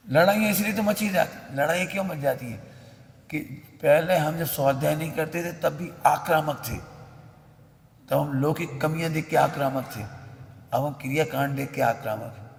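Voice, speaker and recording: A man's voice: fairly high pitch, gravelly. A man delivers a sermon in a slightly raised voice, blunt and emphatic, scolding the people in front of him. His words ring out in a temple hall with a long, trailing reverb. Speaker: religious teacher.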